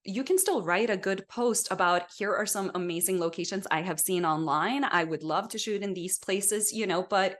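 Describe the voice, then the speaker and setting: A woman's voice: mid-range voice, normal speed, few pauses. A woman in her thirties from Norway, a photographer guest talking casually on a podcast with lots of "like" and "you know". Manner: chatty, many fillers like "like" and "you know".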